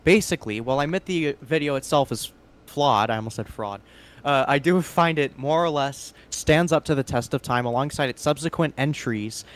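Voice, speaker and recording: A man hosting a stream, reading a long statement aloud and breaking off into crude, excitable remarks. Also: medium pitch, moderate pace. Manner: crude, excitable, cuts in with loud outbursts. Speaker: stream host.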